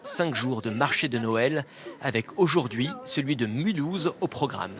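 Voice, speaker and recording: A man's voice: mid-range voice, lively intonation, a little slow. Male news reporter over crowd murmur. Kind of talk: scripted TV news report narration. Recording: market crowd murmur behind. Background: crowd at a Christmas market.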